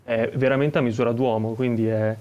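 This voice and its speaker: A man's voice: mid-range voice, flat delivery, a little fast, a little mellow, muffled recording. A young man from Italy calls in to a chat show. He talks in a mid-range voice, rambling and hesitant, restarting his sentences as he goes. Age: young adult. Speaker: caller. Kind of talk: casual call-in chat.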